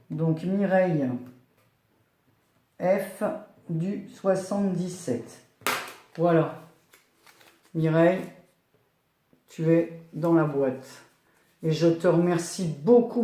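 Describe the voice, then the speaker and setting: A woman's voice: on the low side, dark tone. An older woman chatting casually as she opens her mail for a scrapbooking video, rambling with fillers. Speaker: scrapbooking YouTuber. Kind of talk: casual chat while opening mail. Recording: echoey room.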